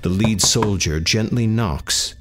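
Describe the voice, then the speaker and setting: A man narrating a story in the second person as game master, calm and steady. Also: fairly low pitch, slow, background noise. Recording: faint music behind.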